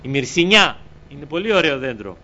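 A man preaching a sermon, climbing high on key words, with restarts and fillers, and reading from scripture. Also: big pitch swings, sharp tone. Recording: dull lo-fi recording with faint noise.

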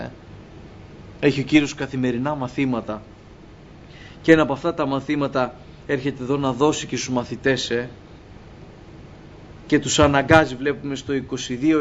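A man delivers an impassioned sermon, speaking straight to his congregation as brothers and voicing short dialogues with God. His voice sits fairly high. The recording is dull and lo-fi, with faint room noise behind him. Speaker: preacher.

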